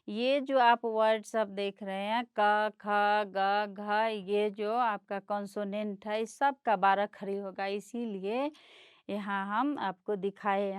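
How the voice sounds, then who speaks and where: A woman with a smooth, mid-range voice, recorded dry at studio quality, teaches a primary class. She slowly explains a chart, patiently spelling out letters and sounds one by one and mixing English words into the lesson.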